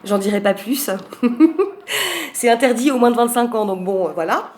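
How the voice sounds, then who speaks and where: A woman's voice: medium pitch, fairly quick, a little mellow. A woman in a casual chat, presenting tarot cards one by one, rambling with fillers and asides and lifting her voice on each card name. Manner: announces card names with lifted emphasis. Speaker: tarot reader presenting a deck.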